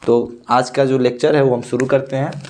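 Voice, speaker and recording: A man teaching a grammar lesson for board exams, slowly explaining each point and drawing out the rules he recites. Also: mid-range voice, steady tone, darkish tone, a little hiss or hum. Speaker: Sanskrit teacher. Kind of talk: board-exam grammar lecture.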